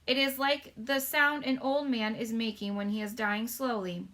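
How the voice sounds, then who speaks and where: Storybook giant, male character woman performing: sincere, touchy, folksy phrasing, forceful bright tone. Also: a little high, steady tone, normal speed, lightly acted. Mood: solemn, intense. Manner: folksy muddled grammar, emphatic telling. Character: earnest, touchy giant man with muddled grammar. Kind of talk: storybook read-aloud character voice.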